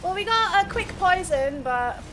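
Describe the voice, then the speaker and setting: A woman's voice: very high voice, expressive, unhurried. A woman with an Edinburgh Scottish accent giving casual, informal live gameplay commentary, thinking aloud and chatting with viewers. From Edinburgh, Scotland. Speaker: video game streamer. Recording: music behind the voice. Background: music.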